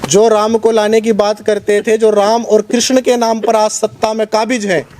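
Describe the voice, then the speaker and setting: Man, high-pitched, forceful preaching, press conference spokesman. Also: little pitch movement, moderate pace. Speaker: Arya Samaj spokesman.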